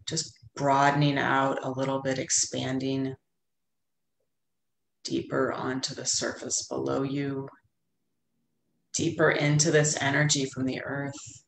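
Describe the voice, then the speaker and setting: A middle-aged woman calmly guiding a grounding meditation in a soothing, unhurried voice with long pauses, over a video call. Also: extremely low pitch, vocal fry, slight background noise. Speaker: meditation guide. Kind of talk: calm guided grounding meditation. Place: indoor room with plain wall, on a video call. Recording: roomy, echoey video call audio.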